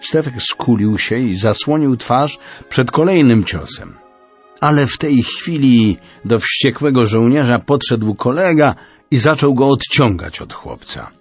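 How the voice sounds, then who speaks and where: A man reads a storybook aloud with a husky voice and a lively, rising and falling pitch. Faint music plays under his narration. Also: measured pace. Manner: expressive reading.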